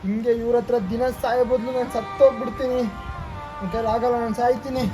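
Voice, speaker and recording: A man's voice: extremely high pitch, level tone, fast talker, music in the background. A young man playing a distressed college junior who is being ragged, talking in despair and tearful pleading.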